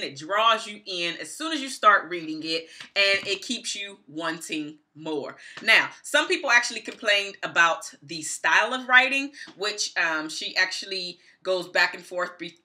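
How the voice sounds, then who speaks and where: In a fairly low, sharp-toned voice, a middle-aged woman who reviews books as a vlogger talks casually to camera inside a small room at home. She emphasizes her points forcefully and keeps repeating phrases.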